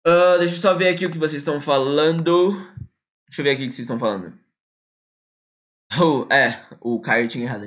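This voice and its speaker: A man teaching English on a live stream, dropping into slow, careful English for his examples. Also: mid-range voice, fairly bright tone.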